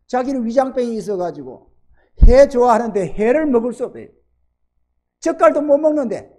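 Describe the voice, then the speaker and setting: A man's voice: very high-pitched, mellow. A male pastor preaching a sermon, telling a story and acting out the prayers he quotes, and calling on the congregation for amens.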